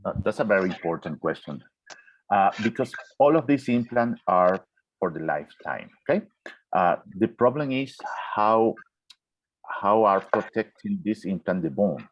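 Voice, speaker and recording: Man, deep voice, surgeon, careful explaining, many fillers, dull dry video-call sound. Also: expressive, no room sound. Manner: careful, explains slowly with frequent fillers and checks of okay. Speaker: orthopedic surgeon answering questions. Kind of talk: answering questions in a webinar. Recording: muffled, dry online call audio.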